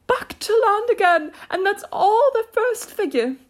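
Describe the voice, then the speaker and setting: A woman voicing an excitable, tearful sea turtle creature from a storybook, in an exclamatory, effusive manner. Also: very high-pitched, a little slow, pitched above the performer's own voice. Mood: excited. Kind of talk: storybook character voice.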